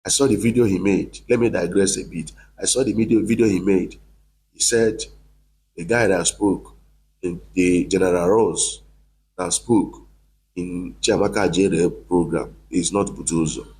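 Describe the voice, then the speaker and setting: A man's voice: sits low, steady tone, measured pace, a little mellow, slight background noise, poor audio. A man delivering a heated, accusing monologue to camera, repeating himself for emphasis. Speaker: online commentator.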